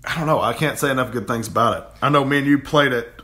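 A man's voice: medium pitch, quick pace, sharp tone. Rambling man in an echoey room. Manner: rambling, enthusiastic, repeats words. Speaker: co-host of a gaming channel. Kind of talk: casual chat. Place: home room, games on the shelf behind.

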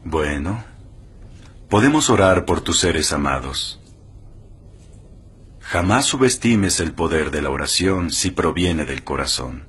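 A patient, grave priest in a confession booth. His voice is deep and heavily husky, his counsel quiet and measured, as in screen drama. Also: animated, exaggerated voice. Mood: gentle counsel.

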